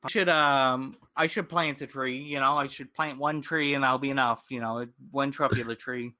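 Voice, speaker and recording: A young man chats about memes with friends, rambling and swearing freely. His voice is bright and ringing, smooth and clean. He keeps the talk loose and joking. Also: medium pitch, fairly even intonation, normal speed. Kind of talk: casual podcast chat about memes.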